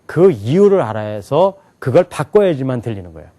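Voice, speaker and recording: A man's voice: medium pitch, very animated, a little fast, warm tone. A man teaching a lecture to a live class. He keeps asking the students questions and then answers them himself. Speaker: English teacher.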